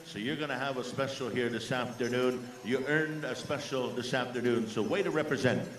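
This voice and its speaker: A man working as a powwow emcee, making ceremonial introductions in a measured way with drawn-out names. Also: medium pitch. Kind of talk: ceremonial event announcing. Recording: echoey sound system, faint background noise.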